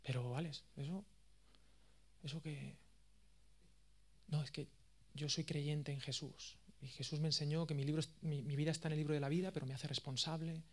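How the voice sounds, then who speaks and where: A man in his thirties with an accent from Spain, giving a course lecture as a lively, self-mocking storyteller. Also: a little high, normal speed, pauses often. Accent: Spain Spanish. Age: 30s. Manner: animated, self-mocking, jokey.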